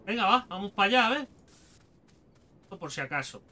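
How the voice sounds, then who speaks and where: A man, excitedly commenting as he plays a game, swearing and talking to himself. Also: high-pitched, brisk. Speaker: gaming video host. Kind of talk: let's play commentary.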